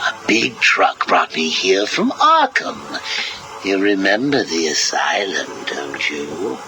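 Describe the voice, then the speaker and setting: An actor playing a manic, mocking villain clown, heard played back from an old interview tape. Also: male voice, deep voice, huge pitch swings, slow, music in the background, heavily acted, poor audio. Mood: sardonic. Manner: sarcastic, sing-song, cackling. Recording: hissy cassette tape recording.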